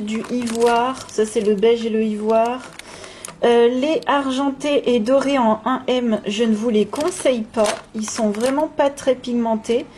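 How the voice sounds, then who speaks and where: A woman's voice: a little high, a little mellow. A woman chatting casually and enthusiastically to her viewers, in an informal vlog style. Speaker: craft and coloring vlogger. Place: indoors at home. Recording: noticeable background noise, home recording.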